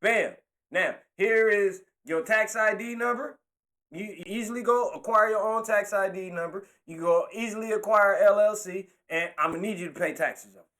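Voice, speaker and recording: High-voiced animated man preaching. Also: moderate pace. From California. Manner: animated, preachy, slangy street talk, gestures while talking. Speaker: political commentator. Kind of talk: impassioned monologue to camera.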